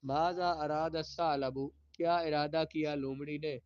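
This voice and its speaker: A man with a slightly high, smooth voice leads a classroom grammar lesson. He reads each sentence slowly, then translates and explains it. The recording is close and dry. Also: fairly even intonation, darkish tone, dry recording, muffled recording. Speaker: Arabic teacher.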